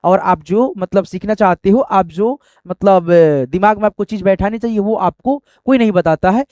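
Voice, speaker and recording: A man's voice: sits high, moderate pace, darkish tone, no echo, studio quality. A man teaching a language lesson, repeating himself and often checking with "okay" and "friends".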